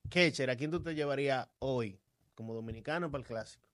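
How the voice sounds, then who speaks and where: A man's voice: medium pitch, fast talker, fairly bright tone, no room sound. A man co-hosting a sports podcast, chatting casually and arguing his picks with animation.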